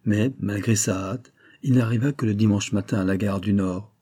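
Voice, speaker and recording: A man narrating a classic novel as an audiobook, in a slow, measured reading style. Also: fairly low pitch, fairly even intonation, mellow, slightly rough.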